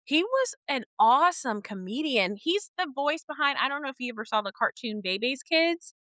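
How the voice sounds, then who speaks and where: A woman's voice: high-pitched, sing-song, moderate pace, fairly bright tone, no room sound. A young woman co-hosting a podcast, chatting casually and agreeing eagerly with enthusiasm. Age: young adult. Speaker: podcast co-host. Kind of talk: casual chat.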